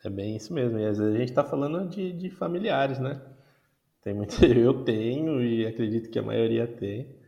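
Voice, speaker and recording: A man from Brazil hosting a podcast, relaxed and casual, laughing now and then as he talks. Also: mid-range voice, normal speed, gravelly. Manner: relaxed, laughs while talking. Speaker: podcast host. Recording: dull, echoey room sound.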